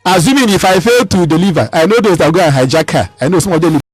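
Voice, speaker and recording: A man's voice: high voice, expressive, fast talker, slightly rough, dry recording, rough recording. A man in his thirties with a Nigerian accent, speaking as a political candidate in a radio interview, emphatic and given to repeating and restarting his phrases. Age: 30s.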